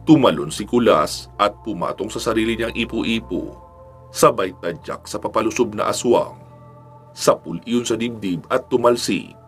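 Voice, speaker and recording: A man narrating an action-filled serialized story in a steady, even storytelling delivery. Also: lowish voice, normal speed. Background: faint background music.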